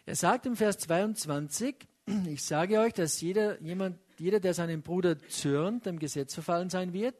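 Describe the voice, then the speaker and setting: A man preaching a sermon, emphatic and loud on key points, quiet and personal when he questions his listeners. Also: sits high, normal speed.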